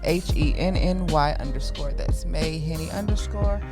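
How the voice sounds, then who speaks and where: A woman's voice: low voice, moderate pace, over music. A woman co-hosting a podcast, chatting in a laid-back, playful way. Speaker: podcast co-host. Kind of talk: casual chat.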